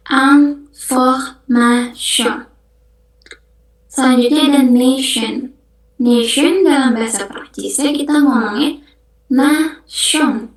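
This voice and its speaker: A young woman teaching a beginner online language class, explaining slowly and patiently and repeating each word carefully. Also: high voice, echoey room, rough recording. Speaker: French language mentor.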